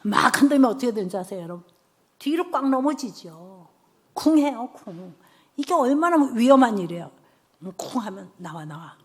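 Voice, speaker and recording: A middle-aged woman giving a church testimony sermon, telling classroom stories with lively acted-out dialogue and soft, hushed asides. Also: fairly high pitch, normal speed, breathy edge. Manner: lively storytelling, acting out children's and her own lines; drops to soft near-whispers for tender lines. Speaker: church deaconess speaker.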